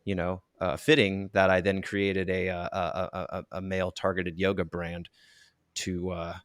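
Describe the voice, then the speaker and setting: A man's voice: deep voice, completely flat delivery, normal speed, clear, resonant tone, dry recording, studio quality. A man hosting a podcast, speaking in a reflective, hesitant way with many restarts. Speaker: podcast host. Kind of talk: casual interview chat.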